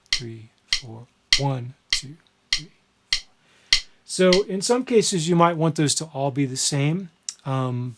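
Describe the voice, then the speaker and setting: A man teaching a screen-recorded music software lesson, relaxed and conversational as he explains each step. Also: a little high. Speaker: music instructor.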